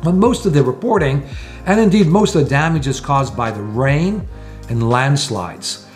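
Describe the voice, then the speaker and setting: Talking to camera from a small room at home, a sailing vlogger in his sixties explains things earnestly, point by point. His medium-pitched voice has lively intonation and a moderate pace, over soft background music.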